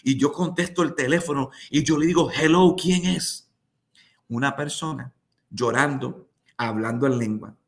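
A man's voice: mid-range voice, normal speed. A man, a pastor, telling a personal testimony with emotional, dramatic retelling and quoted voices. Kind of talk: testimony storytelling.

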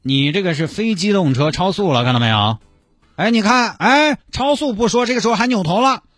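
A man's voice: high voice, animated, fairly quick, fairly bright tone, no room sound, faint music behind, pitched above the performer's own voice. A man voicing a stern traffic police officer who lectures and questions.

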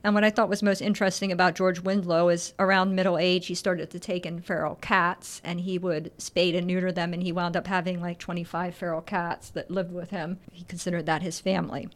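Woman, podcast host, casual chat, animated retelling, frequent laughter. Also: on the low side, brisk, hardly any pauses.

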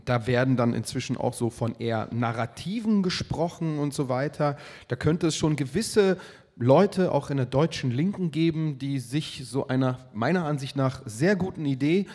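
A man on a panel answers at length, thoughtful and qualifying each point, with fillers along the way. His voice is at a middle pitch. A long hall reverb trails behind him. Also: darkish tone. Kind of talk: panel discussion.

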